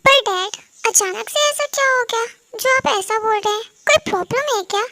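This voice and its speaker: An anxious, sensitive young man, voiced by a woman in a fan-dub audio drama. He pleads and asks fretful questions. The voice sits very high, with faint noise behind it. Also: moderate pace, bright, forceful tone, full character voice. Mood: pleading.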